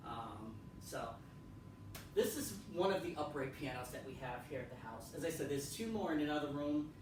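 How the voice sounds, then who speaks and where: A man rambles casually through a tour of his pianos at home, repeating himself and filling pauses with ums. He sounds set back from the mic in a strongly echoing room, with noise audible behind him. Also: a little high, animated. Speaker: piano vlogger. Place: room in a house. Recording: echoey room, far from the mic.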